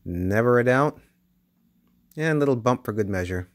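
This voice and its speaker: A man giving play-by-play commentary on toy car races as the channel host, with bursts of excitement at close finishes. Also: medium pitch, moderate pace, noisy background. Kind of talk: race commentary. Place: basement with toy race track.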